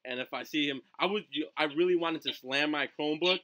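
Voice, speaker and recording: Bright-voiced teenage guy telling a profane story. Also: fairly high pitch, fairly quick. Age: teens. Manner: profane, excitable, with constant fillers and "right?" tags. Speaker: livestream podcast host. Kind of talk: casual storytelling on a live stream. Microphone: home stream mic with glitchy audio.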